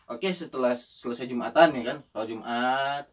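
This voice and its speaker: Young man telling a lively story, far mic. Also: mid-range voice, moderate pace. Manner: animated storytelling, acts out quoted voices. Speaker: storyteller in a chat. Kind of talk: casual chat.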